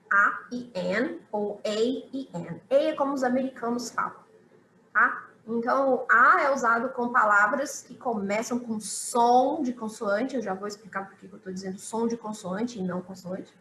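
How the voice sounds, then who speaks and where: A woman with a bright, fairly high voice teaches a live online English lesson. She explains patiently and repeats each example sentence. Her voice rings in an echoey room with faint noise behind it. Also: moderate pace.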